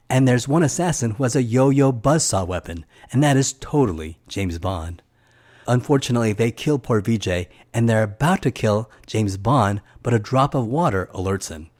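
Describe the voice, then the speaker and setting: A man's voice: medium pitch, darkish tone. A middle-aged man narrating a film recap for his channel, chatty and enthusiastic, with personal asides. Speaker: film reviewer.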